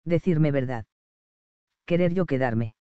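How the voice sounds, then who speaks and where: A man's voice: on the high side, slow, clean tone, no room sound, muffled recording. A man voicing a proud young island woman who speaks in broken, simple phrases, hurt and earnest.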